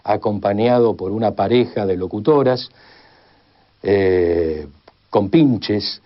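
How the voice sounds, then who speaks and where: A man with an Argentine accent, an expert commentator on radio history, gives a formal, measured explanation. His lowish voice moves slowly through long, list-like sentences built from extended enumerations. The sound is slightly dull and band-limited.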